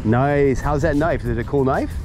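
An excited man narrating his magnet fishing outdoors at a waterfront, hyped and shouting catchphrases. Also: mid-range voice, moderate pace, music in the background. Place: outdoor waterfront docks and park.

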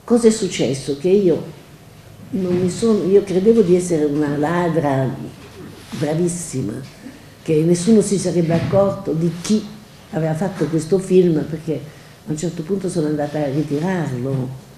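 Older woman guest, storytelling at a public event, acts out dialogue; warm low tone, hall echo, faint noise. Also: normal speed. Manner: lively anecdotal, quoting others in dialogue. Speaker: guest speaker.

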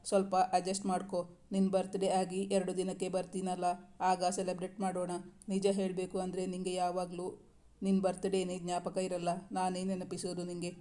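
A tender young husband in a storybook reading, coaxing and teasing his wife in a quiet, even voice, as a woman reader puts him on. The tone stays dark and mellow and barely rises or falls. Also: on the low side, normal speed, close to an everyday voice.

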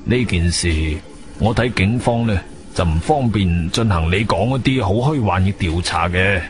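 An actor with a Guangzhou Cantonese accent playing a weary, sceptical police colonel in a radio drama, speaking in a hesitant, official manner. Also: male voice, deep voice, normal speed, close to an everyday voice. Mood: cautious. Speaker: supporting actor. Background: music.

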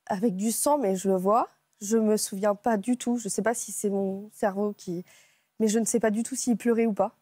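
A woman speaks as a guest on a television talk show, recounting a personal ordeal. Her voice is mellow and warm, recorded dry and close on a lapel mic. She talks haltingly, breaking off and restarting as she searches for words. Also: mid-range voice, dry recording. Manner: halting, emotional retelling with many restarts. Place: TV studio set.

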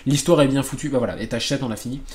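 A man's voice: medium pitch, very fast, a little mellow. Man rambling over a game. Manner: rambling, swears, many fillers and restarts. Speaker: gaming channel host. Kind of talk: casual let's play commentary.

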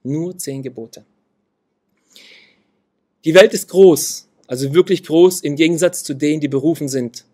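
A man's voice: fairly high pitch, brisk, few pauses, warm tone. A man preaching a sermon, reading Bible verses aloud and repeating key phrases with earnest emphasis.

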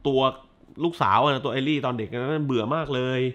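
A man's voice: mid-range voice, a little fast, a bit bright. A man hosting a casual film review chat, blunt and full of crude slang and swearing, hammering points with repeated words. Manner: emphatic repetitions.

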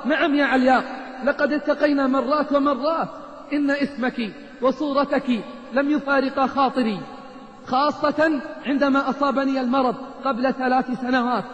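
A male preacher voicing a gravely ill, remorseful woman who pleads through her tears. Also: extremely high pitch, moderate pace, dull audio. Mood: pleading. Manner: pleading, broken with sobs. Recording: echoey hall.

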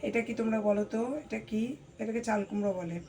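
A hoarse woman chatting casually to her viewers at home while cutting vegetables. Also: mid-range voice, steady tone, fast, mellow, slight background noise. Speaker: vlogger. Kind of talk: casual vlog chat to viewers.

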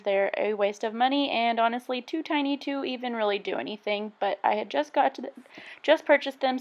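Young woman, casual makeup tutorial voice-over, chatty, self-deprecating, slightly muffled sound. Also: mid-range voice. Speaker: beauty vlogger.

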